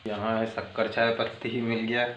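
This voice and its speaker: A man's voice: on the low side, completely flat delivery, normal speed, fairly bright tone, reverberant, highs cut off. A man chatting casually to viewers in a home vlog, filming on his phone in the kitchen. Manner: chatty, addresses viewers as friends. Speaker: vlogger.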